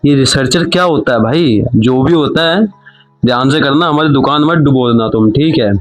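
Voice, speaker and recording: A man's voice: mid-range voice, moderate pace, faint music behind, natural voice. A man voicing a grumpy middle-aged shopkeeper boss who scolds impatiently. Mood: irritated.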